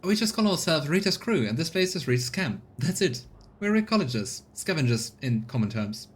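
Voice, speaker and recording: Man voicing a high-pitched, proud scavenger woman. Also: sing-song, normal speed. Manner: earnest, folksy, deferential to nobility. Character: tired, proud, plain-spoken woman scavenger camp leader. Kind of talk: voiced role-play of game dialogue.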